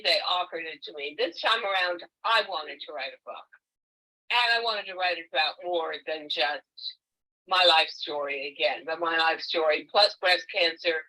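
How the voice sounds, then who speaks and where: An older woman, an author, telling her own story as a guest on a video call in a candid, emphatic, animated way. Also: on the low side, low-quality recording. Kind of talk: conversational interview. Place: home, virtual meeting.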